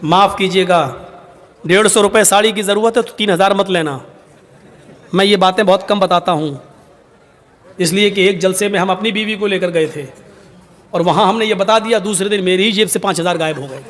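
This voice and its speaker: A male preacher giving a sermon, telling stories in an animated, humorous way. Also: high voice, long pauses. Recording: long hall reverb.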